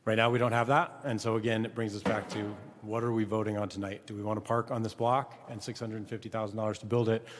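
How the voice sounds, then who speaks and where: A man chairing a city council meeting, speaking in a measured, earnest way with frequent fillers. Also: on the low side, little pitch movement. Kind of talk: formal council meeting remarks. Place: large council chamber. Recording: echoey council chamber.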